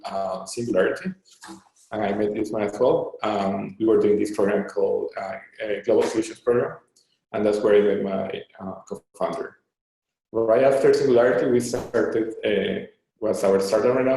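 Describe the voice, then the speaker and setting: A man's voice: fairly low pitch, creaky, dark tone. A man in his thirties from Peru, a startup co-founder answering interview questions with lots of fillers and restarts. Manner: halting, many fillers and restarts. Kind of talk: online Q&A interview. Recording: very echoey room.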